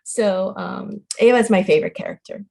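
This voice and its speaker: A woman author being interviewed, modest and cheerful, laughing often and filling her pauses with ums. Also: medium pitch, fairly even intonation, creaky, darkish tone. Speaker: author guest. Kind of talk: casual interview.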